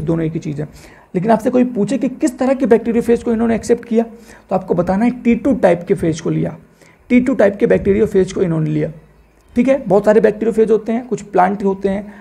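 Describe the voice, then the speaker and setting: A man teaching a biology lesson at a quick clip in a high, heavily gravelly voice. He keeps repeating key terms and throws questions to the class before answering them himself. The tone is husky and mellow rather than bright. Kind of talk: exam-prep biology lecture.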